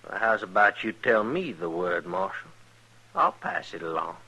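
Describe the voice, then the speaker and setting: A man's voice: fairly low pitch, sing-song, normal speed, pushed and bright, slightly rough, heavily acted, low-quality recording. An actor playing an insolent gunman who mocks the lawman with a drawl, in a 1950s radio western. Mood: mocking. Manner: mocking, drawling. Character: sly insolent male gunman. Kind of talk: 1950s radio drama acting.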